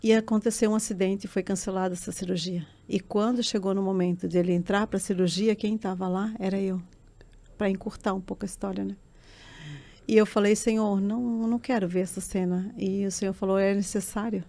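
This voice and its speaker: A middle-aged woman, appearing as a podcast guest, gives an earnest, emotional personal testimony that swells into tearful intensity. Her mid-range voice is brisk and dark-toned, with fairly even intonation.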